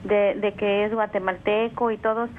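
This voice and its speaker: A woman's voice: medium pitch, flat delivery, normal speed, a little hiss or hum. Earnest woman caller on a phone line. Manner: earnest, proud. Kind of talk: call-in comment.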